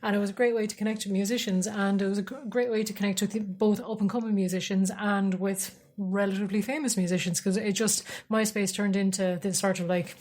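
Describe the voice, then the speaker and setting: A woman's voice: medium pitch, level tone, quick pace, few pauses, a little mellow. A woman with an Irish accent co-hosting a casual music discussion, explaining things in a chatty, sometimes sweary way. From Ireland. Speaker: podcast co-host.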